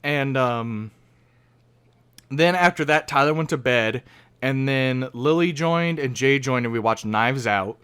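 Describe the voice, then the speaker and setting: Co-hosting a laid-back podcast, a young man from Oregon, United States, tells meandering stories, often cutting himself off and starting sentences over. His mid-range voice is clear, resonant and fairly bright, and he talks a little slowly.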